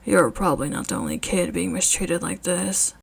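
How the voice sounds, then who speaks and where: A woman voicing a grown man, a tired hero teacher who is quietly angry, in a low, slow, breathy hush. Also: lively intonation, full character voice.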